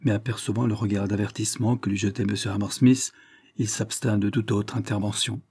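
A man narrating an audiobook in a measured, steady reading voice. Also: on the low side, breathy edge. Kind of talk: scripted narration.

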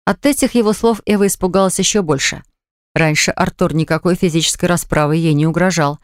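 A woman narrating an audiobook in a steady, measured reading. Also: fairly low pitch, no echo, studio quality. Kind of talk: scripted narration.

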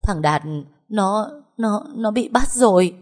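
A woman voicing a doting, quick-tempered older village mother who cries, pleads and scolds. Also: lowish voice, animated, a little mellow. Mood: wailing.

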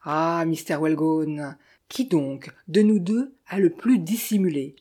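A woman voicing a sly, smooth-talking male Italian bandit who mocks with false friendliness, in a storybook reading. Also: sits low, takes it slowly, warm tone. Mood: mocking.

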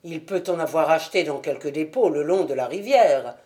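A woman voicing a calm, shrewd male detective in a French audiobook. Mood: diplomatic. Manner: measured and low.

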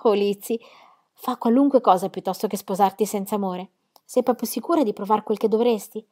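A woman voicing a gentle, kind young woman, an affectionate elder sister, with warm, eager exclamations. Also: mid-range voice, a little fast, lightly acted. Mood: earnest. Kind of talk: audiobook character reading.

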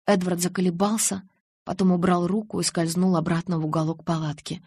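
A reader tells a novel in first person, steady and scripted. The sound is dry and close, with no room around it. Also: mid-range voice, a little fast, breathy edge, no room sound. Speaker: audiobook reader. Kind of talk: scripted audiobook narration.

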